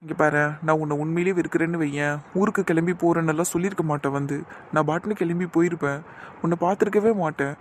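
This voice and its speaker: A man voicing a gentle young man who soothes and lightly scolds a girl, in an amateur audio drama. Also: a little high, steady tone, quick pace, a little hiss or hum, lightly acted. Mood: soothing.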